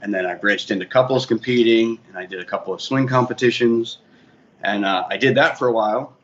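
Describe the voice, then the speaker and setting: Muffled audio with a little ambient noise captures a brisk, mid-range male voice. The speaker, a DJ and bar manager from the Boston area, USA, with a Boston accent, appears as a guest in a relaxed interview. He tells his career story in a rambling way, often stopping to correct himself.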